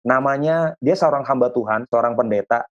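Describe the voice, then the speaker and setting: A man, a guest musician, telling a long anecdote in relaxed, slangy conversation. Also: medium pitch, moderate pace. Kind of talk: casual interview storytelling. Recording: dull lo-fi audio.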